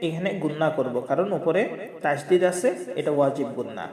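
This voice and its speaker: A man teaching a prayer word by word, chanting each word slowly in a melodic way and then explaining the pronunciation rules quickly. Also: on the high side, lively intonation, echoey room, big-room sound, a crowd in the background. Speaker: Quran recitation teacher. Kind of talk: word-by-word recitation lesson.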